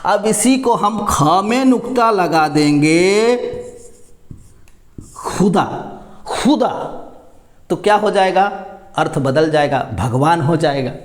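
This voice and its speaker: A man teaching Hindi grammar, explaining each word slowly and answering his own questions as he goes. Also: on the high side, lively intonation, echoey room. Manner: repeats words, asks and answers own questions. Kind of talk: classroom explanation.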